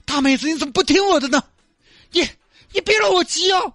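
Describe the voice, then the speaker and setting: A man's voice: high voice, very animated, fast talker, fairly bright tone, no echo, clean studio sound, voice pushed up, exaggerated voice. A man voicing a kindly, fussing middle-aged bus driver with a Sichuanese accent who coaxes and chatters. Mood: persuading.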